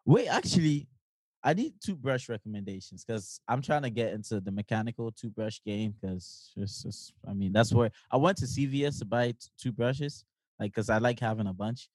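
A young man from New York co-hosting a podcast in animated, jokey casual chat with lots of slang. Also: medium pitch, moderate pace, no echo. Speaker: podcast co-host.

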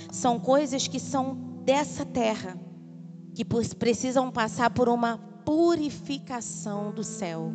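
A woman's voice: medium pitch, long reverb tail. A woman preaching a sermon at a women's conference, talking with the audience in an intimate way and repeating short, emphatic phrases. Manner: conversational and intimate, asides to the audience. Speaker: deaconess preacher.

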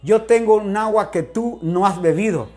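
A man's voice: sits high, normal speed, a little mellow, lightly acted. Preacher doing Jesus at a well: earnest, emphatic, plain-spoken man.

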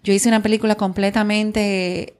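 A woman from the Republic, a film producer telling stories in an interview, animated and full of restarts. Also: medium pitch, moderate pace. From Dominican Republic. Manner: animated storytelling with frequent restarts. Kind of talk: interview guest talk.

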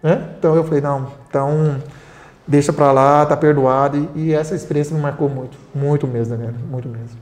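A man's voice: fairly high pitch, fairly even intonation, fast talker, a little mellow. A Brazilian man who founded a charity for homeless people, earnestly telling stories in an interview and acting out the dialogue. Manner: earnest, retells scenes with quoted dialogue. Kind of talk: interview storytelling. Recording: roomy echo.

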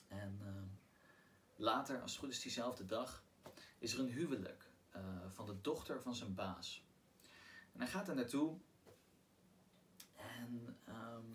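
A man in the middle of the usual male range talks through a novel's story for his book podcast. He is halting, stumbling over repeated words and restarting his sentences. The mic sits some distance away, with a faint hiss of background noise. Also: medium pitch. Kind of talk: casual retelling of a novel's plot.

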